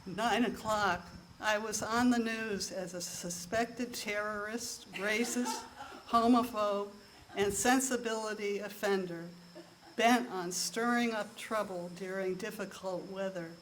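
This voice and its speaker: At a live show, a woman with a soft, medium-pitched voice performs a deadpan comic monologue against a noisy background. Her delivery is measured and list-like, punctuated by timed pauses.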